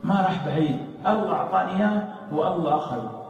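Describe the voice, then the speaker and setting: A man delivers an emotional sermon, his voice riding a little high as he moves from fervent, loud pleas to quiet, hushed storytelling. The mic sits well back, so heavy echo fills a large hall. A faint hiss runs underneath. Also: lively intonation, rapid-fire, gravelly, lo-fi sound. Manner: impassioned, swinging from loud pleading to hushed. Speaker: preacher. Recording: echoey hall, distant mic, faint noise.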